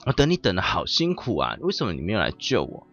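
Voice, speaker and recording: A stubborn, devout man refuses every offer of help in a firm, insistent tone, as a man puts him on while telling a story. His voice sits low and moves a lot. The recording is muffled, with soft music underneath. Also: huge pitch swings, quick pace, creaky, heavily acted. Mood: aggrieved.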